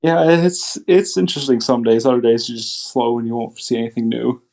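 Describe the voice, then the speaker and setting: A man's voice: mid-range voice, steady tone, brisk, gravelly, a little mellow. A man talking as a guest in a casual interview, laid-back and blunt, with casual swearing. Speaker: guest, battle rapper.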